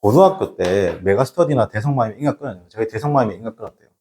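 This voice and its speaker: A man's voice: fairly low pitch, animated, very fast, a little mellow. A man lecturing a class on exam English, blunt and scolding, who keeps throwing rhetorical questions at his students. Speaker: English lecturer for transfer exams.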